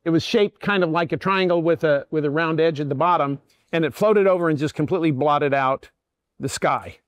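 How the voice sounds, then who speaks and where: A man's voice: a little high, fairly quick, clean tone, dry recording. An older man giving a public lecture, explaining in a plain and methodical way. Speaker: guest lecturer.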